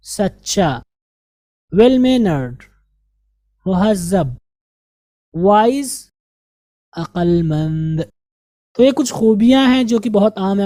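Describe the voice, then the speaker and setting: A woman English teacher with an Indian Urdu-speaking accent, explaining grammar and drilling vocabulary slowly, repeating each word. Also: on the low side, mellow, no echo. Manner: slow, drilling pronunciation and repeating words.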